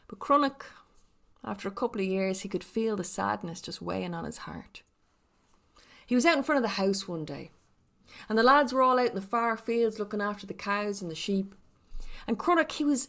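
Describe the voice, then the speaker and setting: Lilting Irish woman storyteller with creaky voice. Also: medium pitch. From Ireland. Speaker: storyteller, podcast guest. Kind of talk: oral storytelling of a folk tale.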